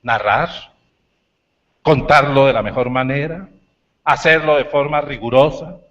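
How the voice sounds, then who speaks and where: A man giving a university lecture, telling stories with animated, shouted bits. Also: mid-range voice, unhurried, muffled recording. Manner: animated storytelling, shouts acted lines. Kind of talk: lecture talk.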